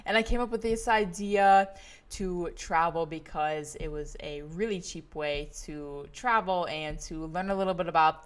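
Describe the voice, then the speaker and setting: This young woman from the United States has a fairly low, clear, resonant voice as she hosts a travel livestream. Her talk is a laid-back, rambling monologue full of fillers and little laughs.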